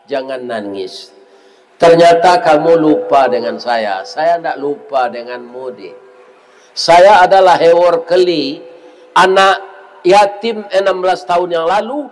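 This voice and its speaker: Devout kindly doctor acted by a man preaching, Minangkabau accent, soft and heartfelt. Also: a little high, big-room sound, lightly acted. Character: devout male doctor, once an orphan, tender and grateful.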